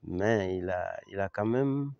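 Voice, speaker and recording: An older man with a Chadian accent giving an informal historical account, halting and searching for words, yet emphatic with the listener. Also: low voice, creaky, a little mellow, smooth, no room sound, muffled recording. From Chad. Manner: halting, with repeated words and long searching pauses. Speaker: eyewitness commentator on history.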